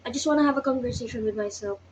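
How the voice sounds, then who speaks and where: This young woman from the Philippines, a vlogger in her twenties with a Filipino accent, chats to herself to practice English, hesitant, self-conscious, and sleepy. She talks very fast in a fairly high voice. Captured by a nearby phone at a small indoor workplace counter, the audio is dull with a little hiss or hum.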